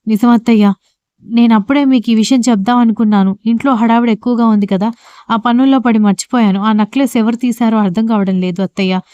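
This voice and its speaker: A woman's voice: fairly high pitch, fairly even intonation, fast talker, mellow, no echo, highs cut off, lightly acted. A woman reading an earnest young wife. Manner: earnest, pleading.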